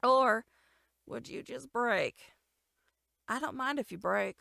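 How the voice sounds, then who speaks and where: A woman voicing a possessive, coldly menacing young man in a game, speaking low, quiet and controlled. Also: takes it slowly, creaky, no room sound, studio quality, exaggerated voice. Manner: cold, possessive and threatening. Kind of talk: game dialogue voice acting.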